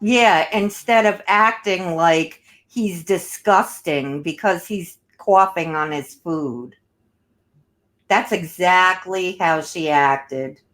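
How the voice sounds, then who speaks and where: Slow-talking blunt woman host. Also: fairly low pitch, fairly bright tone. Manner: blunt, scornful of the person discussed. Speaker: channel host. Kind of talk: casual commentary chat.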